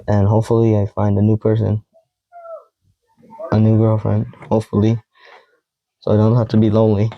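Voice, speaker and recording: A young man vlogging casually to camera, reading out old text messages in a rambling, halting way with heavy sighs. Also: on the low side, vocal fry, dry recording, dull audio. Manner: quoting text messages in a flat tone.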